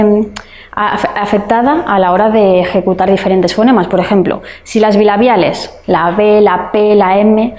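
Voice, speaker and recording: A woman's voice: medium pitch, mellow. A woman speech therapist giving an online lecture, explaining step by step with fillers and frequent checks with her listeners.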